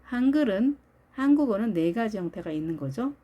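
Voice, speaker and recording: A middle-aged woman teaching English vocabulary and pronunciation in a video lesson, patiently drilling phrases slowly and often starting with "자". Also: fairly high pitch, animated, lo-fi sound.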